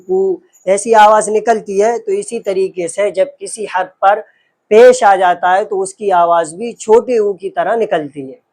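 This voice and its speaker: A man's voice: sits high, darkish tone. A man teaching a patient lesson, sounding out letters one by one and explaining with rhetorical questions. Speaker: Urdu teacher. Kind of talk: slow, patient classroom lesson.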